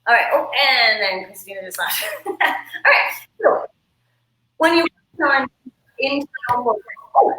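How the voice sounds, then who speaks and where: Woman, video call audio, muffled, high bright voice, gravelly fry, casual coach chat. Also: lively intonation, measured pace, long pauses. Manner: casual, thinking aloud with fillers. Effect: heard over a glitchy video call.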